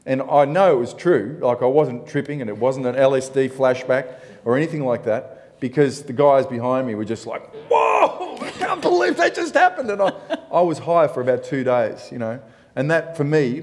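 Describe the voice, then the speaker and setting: A man's voice: medium pitch, fairly quick, darkish tone. A man speaking in a group discussion, telling a personal story in a rambling, self-mocking way, laughing now and then. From Italy. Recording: long hall reverb.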